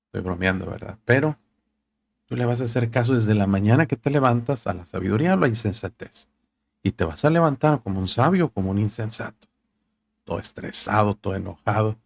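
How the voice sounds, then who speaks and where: A man's voice: lowish voice, vocal fry, breathy edge. A male pastor preaching a sermon in a conversational style, with rhetorical questions and asides to the congregation.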